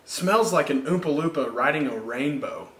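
A man's voice: fairly high pitch, animated, normal speed, a bit bright. A young man in a homemade comedy sketch, trading wisecracks in a home kitchen. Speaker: sketch co-star. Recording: echoey kitchen with clicks and noise.

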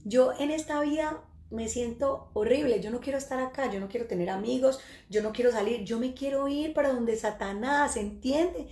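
Colombian woman doing a hopeless young man, soft and defiant, echoey room. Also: on the high side, moderate pace, close to an everyday voice.

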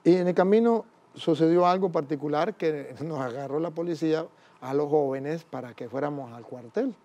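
A man's voice: a little high, normal speed, mellow. A man, a priest, telling his life story in an interview, acting out the dialogue as he goes. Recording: dull, muffled sound.

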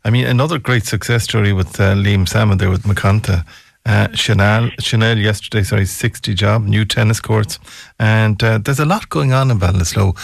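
Gravelly West of Ireland radio host, man. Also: on the low side, fairly quick, dry recording. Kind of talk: live radio interview, conversational.

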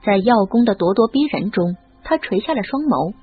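A woman narrating a novel audiobook in an expressive storytelling manner. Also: medium pitch, normal speed, slightly rough. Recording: lo-fi phone-like audio. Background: faint music.

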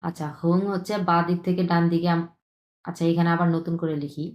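Patient teacher woman, low voice, echoey room. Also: flat delivery, fast talker, a little mellow, dull audio. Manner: patient, repetitive, checks in with frequent tag questions. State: ill with a cough. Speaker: Chinese language teacher. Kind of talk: online lesson, explaining stroke by stroke.

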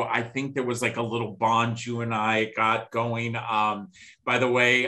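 A middle-aged man with a bright, forceful voice hosts an interview over a video call. He speaks with passion and emphasis, hammering points home by repeating them. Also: medium pitch, rough recording. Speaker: podcast host. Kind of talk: casual interview.

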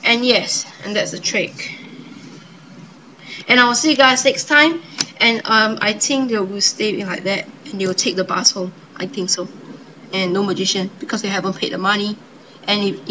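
Young woman, bright tone, halting casual demonstration, improvised patter, slightly noisy home recording. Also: mid-range voice. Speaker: amateur magician presenting a card trick. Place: indoors at a table.

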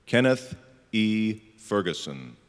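A man reading graduates' names at a commencement ceremony, slowly and deliberately, one name at a time. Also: lowish voice, very animated. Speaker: name reader. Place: large auditorium. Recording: long hall reverb.

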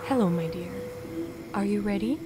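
An actress playing Death as a gentle, solemn woman in a radio play, soothing and measured. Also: medium pitch, over loud music, natural voice. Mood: tender, reassuring.

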